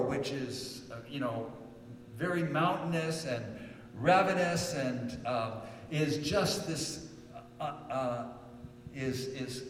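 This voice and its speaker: An older male pastor preaches slowly in a mellow, slightly raised voice, wandering through his points with plenty of ums and then swelling into emphatic declarations. His voice rings through a church hall with a long, roomy reverb. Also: fairly high pitch, slight background noise. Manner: rambling, halting with many fillers, rising to emphatic peaks. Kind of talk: sermon.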